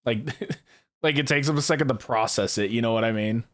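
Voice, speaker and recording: With a medium-pitched voice and a fairly quick delivery, a podcast host in his early twenties rambles through a laid-back chat with friends. He repeats himself often and swears freely.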